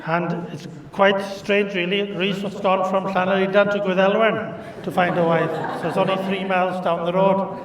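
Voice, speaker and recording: A man's voice: high-pitched, little pitch movement, moderate pace, hardly any pauses, crowd noise. A middle-aged North Welsh man giving a hesitant, homely wedding speech into a microphone in a large, echoing reception room. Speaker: father of the groom. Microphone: handheld mic, picked up from afar. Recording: echoey reception room, distant camera microphone. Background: wedding guests.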